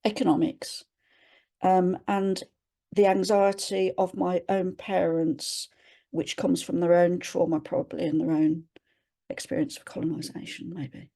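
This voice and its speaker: Through a computer mic, an English woman in a webinar reflects personally and hesitantly, often starting over while looking for words. Her voice is low, creaky, and mellow with little pitch movement, and she speaks at a measured pace.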